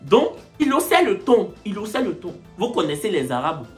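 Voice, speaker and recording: Vlog storyteller, woman, big animated delivery, acts out every character, light music bed. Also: medium pitch, normal speed. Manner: animated, acts out other people's voices and shouts. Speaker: comedian storyteller.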